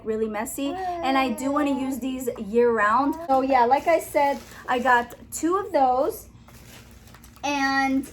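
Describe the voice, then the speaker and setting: A woman's voice: sits high, a little hiss or hum. A young adult woman chatting enthusiastically as she shows off her shopping finds, often saying how much she loves them. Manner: chatty, enthusiastic, giggly over a tongue-twister. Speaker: haul vlogger. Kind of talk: casual haul video chat.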